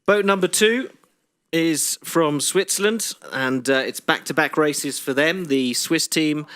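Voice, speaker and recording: A man commentating live on a sailing race, steady and informative, with frequent "uh" fillers. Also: on the high side, unhurried.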